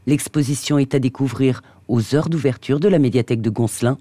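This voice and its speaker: A man presenting books on the radio and reading a novel excerpt aloud in a measured, even way. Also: mid-range voice, dry recording.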